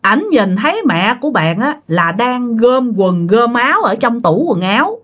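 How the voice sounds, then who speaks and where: A woman's voice: on the high side, big pitch swings, unhurried, a bit bright. Chatty woman telling a ghost story. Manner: chatty, addresses listeners directly.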